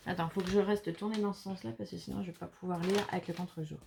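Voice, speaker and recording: A woman's voice: fairly low pitch, steady tone, fast, creaky, darkish tone, a little hiss or hum. Chatty French-speaking woman host. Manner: chatty, reassuring, reads viewer notes aloud. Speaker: craft channel host. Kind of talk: casual chat.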